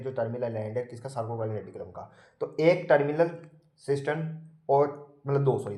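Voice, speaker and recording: A man's voice: mid-range voice, a little mellow. A man teaching a nursing class, casually asking and answering his own questions while walking through diagrams. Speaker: nursing tutor. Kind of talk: casual lecture explaining diagrams. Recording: echoey room.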